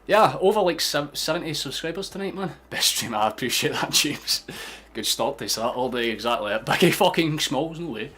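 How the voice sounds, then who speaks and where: Bright-voiced excitable Scottish young man. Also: medium pitch, a little fast, slight background noise. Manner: excitable, sweary, laughing often. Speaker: football streamer hosting a watchalong. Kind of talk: casual live-stream chat.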